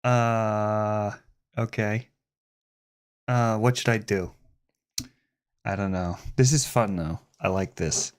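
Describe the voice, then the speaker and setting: Slow, giggly man chatting on stream. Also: on the low side, fairly even intonation, clear, resonant tone. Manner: giggly, joking banter with crude language. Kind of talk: casual live-stream chat.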